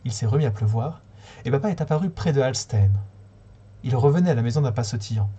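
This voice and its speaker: A man reading a short story aloud on a livestream, in a calm, steady way with occasional small slips. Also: mid-range voice, fast, husky. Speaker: reader.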